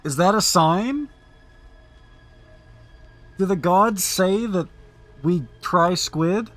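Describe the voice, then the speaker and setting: Higher-pitched, unhurried male game streamer. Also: fairly bright tone. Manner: playful, theatrical deliberation addressed to chat. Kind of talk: casual live gameplay commentary.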